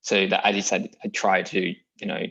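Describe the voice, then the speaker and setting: Young Vietnamese-accented man, gravelly and low. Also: little pitch movement, moderate pace, pushed and bright, muffled recording. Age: young adult. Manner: hesitant, many fillers, earnest. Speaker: MBA applicant.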